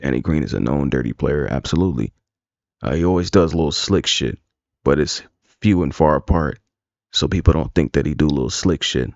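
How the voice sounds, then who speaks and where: A man's voice: extremely low pitch, fairly quick, gravelly, no room sound. A man streaming live, talking casually, rambling and bluntly profane. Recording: dull lo-fi dry sound.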